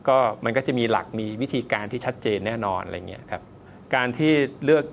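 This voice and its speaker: Man, font designer interviewee, rapid explanatory answers, polite casual fillers, rough gravelly voice. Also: medium pitch, a little hiss or hum.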